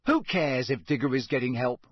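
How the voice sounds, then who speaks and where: A man's voice: medium pitch, animated, moderate pace, breathy edge, no room sound. A man voicing Ron, a cheeky teenage schoolboy who talks in a teasing, sarcastic way in an audiobook reading.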